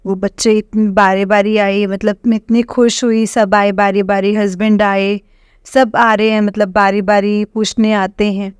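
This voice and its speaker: A woman's voice: mid-range voice, flat delivery, clear, resonant tone, dry recording. Middle-aged woman, devotee giving testimony; hesitant, stop-start delivery; dry, close recording. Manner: hesitant, halting, addresses listeners as congregation.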